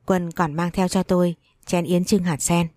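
Recorded dry and close with no echo, this audiobook narrator is a woman with a low, mellow voice. She narrates a first-person tale at a moderate pace with steady, calm delivery.

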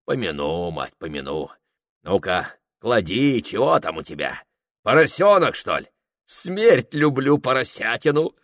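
A man's voice: fairly low pitch, very animated, a little slow, dry recording, studio quality. A man voicing a gluttonous, jovial old village priest with a hearty, unctuous manner.

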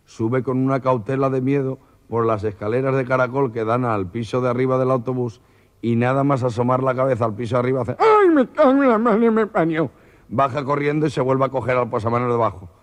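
A Spanish-accented comedian tells jokes in a mid-pitched male voice, captured on an old cassette tape. He slips into nasal, stumbling comic voices for the characters in his jokes. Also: steady tone, fast talker. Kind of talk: stand-up joke telling.

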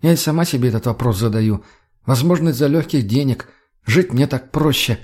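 A man voicing a young woman who is outraged and weary, shouting and swearing at her comrades. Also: mid-range voice, brisk, breathy edge, lightly acted. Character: young woman, conscience-stricken, angry and weary. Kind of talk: audiobook character voice.

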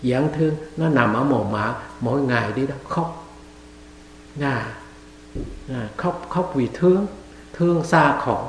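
Monk giving a dharma talk in an echoey hall. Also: male voice, mid-range voice, slow pace, pauses often, a little hiss or hum. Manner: acts out story characters in dialogue. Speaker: monk teaching a retreat. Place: meditation hall.

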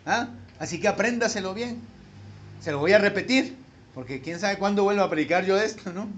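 Male pastor, high voice, sermon delivery; wide dynamic swings, asks the room questions. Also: a little fast, a little hiss or hum. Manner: swings between hushed low asides and loud emphatic peaks; addresses listeners directly with rhetorical questions.

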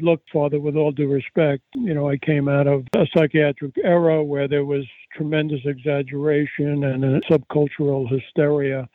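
An older man speaks as an expert interview guest, telling anecdotes and circling back as he explains. His voice sits a little high for a man. The audio is dry and somewhat dull. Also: dry recording. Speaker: psychiatrist and author, interview guest. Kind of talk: conversational interview answers with anecdotes.

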